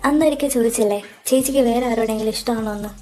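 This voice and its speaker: A tearful young college woman, loyal to her sister, played by a woman. She has a high, mellow voice. She speaks softly and hesitantly in a fan audio drama. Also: racing, close to an everyday voice. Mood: grave telling.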